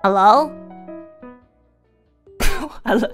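A woman's voice: medium pitch, very slow, soft background music. A woman calling out in confusion during casual stream game chat.

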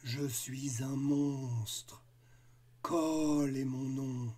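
A man putting on a timid cartoon monster who dreads school, drawn out and sombre. The voice is dark, husky and very slow. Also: fairly even intonation. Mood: gloomy. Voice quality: slow, low and gloomy.

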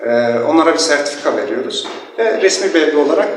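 Male teacher being interviewed, bit high voice, hesitant, super echoey. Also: lively intonation, fast. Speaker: language teacher. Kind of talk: spontaneous interview explanation. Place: classroom indoors. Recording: echoey room, distant mic, faint noise.

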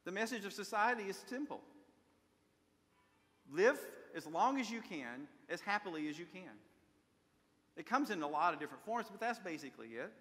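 An older pastor preaches a sermon from the pulpit of a large church sanctuary, earnestly telling stories and posing rhetorical questions. His voice is high, very animated and fairly bright, at a normal speed with long pauses. He's picked up by a pulpit microphone and a far camera, with long church reverb.

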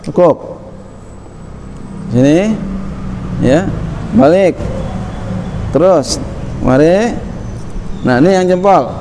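A man's voice: high-pitched, animated, drawn-out words, pauses often. A middle-aged man teaching a religious lesson, reading Arabic text, translating it line by line and coaching students through a demonstration. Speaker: kyai teaching a classical book. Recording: roomy hall with faint traffic.

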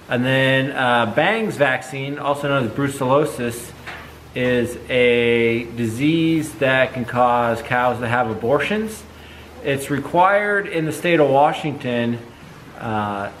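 A man's voice: mid-range voice, slight background noise, low-quality recording. Matter-of-fact man farmer explaining. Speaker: dairy farmer, co-host. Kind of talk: casual farm vlog talk. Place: open-sided barn outdoors.

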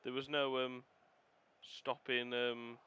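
Bright-voiced man calling football gameplay. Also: medium pitch, takes it slowly, clean tone. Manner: calls the play like a commentator, excitable on goals, swears when frustrated. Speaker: gaming video host. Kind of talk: casual gameplay commentary.

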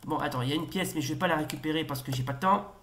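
Excitable French gamer with a bright voice. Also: male voice, a little high, very fast, a little hiss or hum. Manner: excitable, stammering, swearing outbursts. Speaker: retro game reviewer. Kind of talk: casual let's-play commentary.

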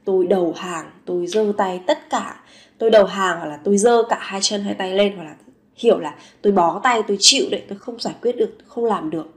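Woman teacher with a Vietnamese accent, mid-pitched, repeating phrases slowly and expressively for learners. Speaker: Korean language teacher. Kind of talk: language lesson.

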